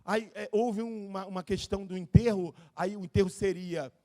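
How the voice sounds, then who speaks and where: A man preaching a sermon as pastor at a live church service, swinging from low confiding talk to shouted pleas. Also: steady tone, normal speed.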